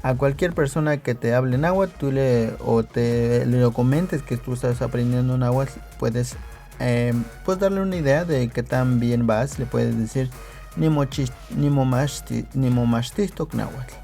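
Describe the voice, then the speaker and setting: Gravelly-voiced man teaching a language lesson. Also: medium pitch, warm tone, faint music behind. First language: Nahuatl. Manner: patient, repeats phrases slowly for learners. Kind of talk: video lesson.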